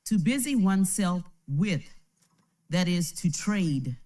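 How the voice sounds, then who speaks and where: Slow, mellow-voiced reader off to the side. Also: mid-range voice, expressive. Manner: reads short definitions, answers in brief replies. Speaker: helper reading definitions aloud.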